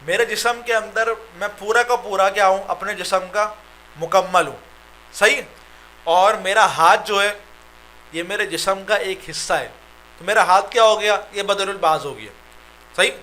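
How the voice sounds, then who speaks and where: A man's voice: sits high, pushed and bright. A man with a Pakistani Urdu accent teaching Arabic grammar in a recorded online lecture, explaining step by step and checking "right?" after each point.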